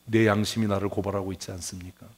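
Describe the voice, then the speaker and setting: A middle-aged male pastor giving a Sunday sermon in a lively way, acting out quoted voices and asking the congregation questions. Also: lowish voice, fast talker, husky. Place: church sanctuary.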